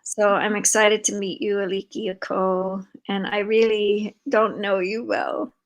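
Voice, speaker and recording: An older woman hosting a live video-call interview, talking in a warm, rambling way with many fillers. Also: mid-range voice, flat delivery, unhurried, poor audio. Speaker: host and founder of an organization. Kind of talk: casual conversational interview.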